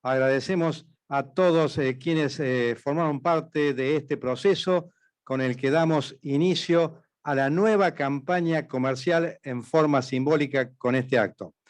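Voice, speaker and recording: Fairly high-voiced Argentine male event announcer. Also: measured pace. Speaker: master of ceremonies.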